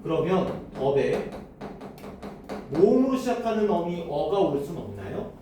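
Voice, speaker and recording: A man's voice: on the high side, big pitch swings, measured pace, noisy background. A man teaching a classroom lesson, often asking the students questions and then answering them himself. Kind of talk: classroom lecture. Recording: echoey room, voice from far off.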